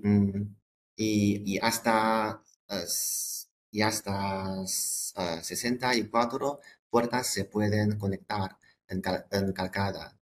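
A man with a fairly low voice presents products in a webinar, speaking haltingly and hesitantly, often repeating words and breaking off phrases.

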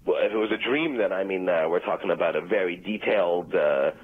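A man's voice: deep voice, quick pace, slightly rough, dry recording. A man on the phone rambling insistently through a long explanation, getting flustered when he is not being listened to. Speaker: phone-in guest. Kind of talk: comedic phone conversation. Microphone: telephone. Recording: tinny phone line with faint music.

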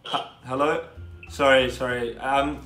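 A man's voice: mid-range voice, steady tone, measured pace, a bit bright. Young guy, playful prank-caller, roomy sound. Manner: playful, mock-earnest, teasing. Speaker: YouTuber pranking a scammer. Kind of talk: casual vlog narration and prank phone call. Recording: roomy echo, faint music behind.

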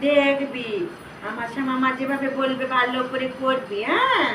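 Brief: woman as the goddess in trance, very high shrill voice, scolding devotees, echoey room, distant mic. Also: moderate pace, noisy background. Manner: scolding, commanding, addresses listeners as child. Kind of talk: trance-like divine address.

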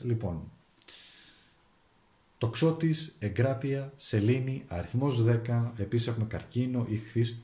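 Greek male tarot reader, dark mellow voice, thinks aloud over each card. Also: mid-range voice, reverberant. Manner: thinks aloud while drawing and reading cards, with restarts. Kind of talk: monthly tarot and zodiac forecast.

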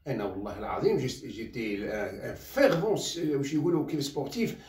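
A man's voice: medium pitch, very animated, quick pace, a little mellow. A man from Khenchela with an Algerian Arabic accent, a journalist giving a heated rant that slips into French phrases. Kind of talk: ranting commentary. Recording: roomy echo, mic set at a distance.

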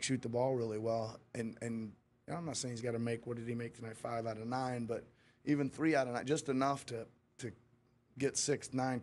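Candid middle-aged coach at a press conference. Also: male voice, medium pitch, darkish tone, slight background noise. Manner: candid, rambling, with frequent restarts. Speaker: head coach. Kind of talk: post-game press conference. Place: press room before a sponsor backdrop. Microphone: table mic in front of him.

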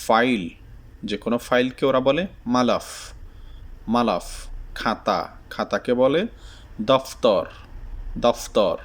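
A man from Bangladesh teaching a vocabulary lesson at an unhurried pace, his voice sitting in an ordinary middle pitch. He says each word, then repeats it, and keeps checking that his viewers are following. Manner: checks in with the viewer, "ঠিক আছে?". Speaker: language teacher.

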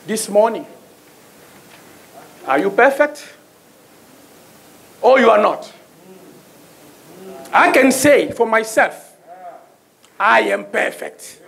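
A middle-aged man with a French accent, preaching as a guest from a church sanctuary's pulpit, calls "Amen?" to the congregation in call-and-response. He uses a handheld mic there. His voice is very high, gravelly and fairly bright.

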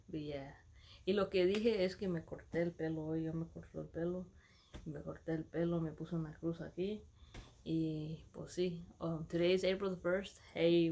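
Here's a thirtysomething woman from Dallas, Texas, rambling casually to followers in a home vlog, easygoing and slangy. The pitch is fairly low, with a slightly mellow, husky quality.

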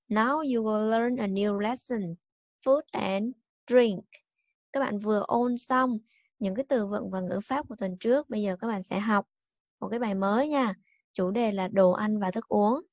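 A woman teacher runs a recorded English lesson for small children and drills each new word with clear, firm stress. Her voice sits in a middle range. The recording is close and dry but dull and muffled. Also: medium pitch, darkish tone, dry recording. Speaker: primary school English teacher.

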